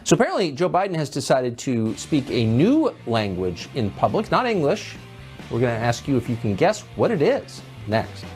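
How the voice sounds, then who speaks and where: A man's voice: mid-range voice, huge pitch swings, moderate pace, over music. A man hosting a cable news show with a wry, sarcastic delivery. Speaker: TV host.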